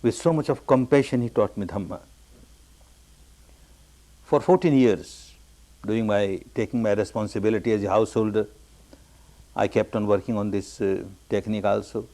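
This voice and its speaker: A man from Burma giving a meditation discourse, telling his own story with repeated, emphatic phrases that jump up high on the key words. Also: moderate pace, pauses often, mellow. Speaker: meditation teacher.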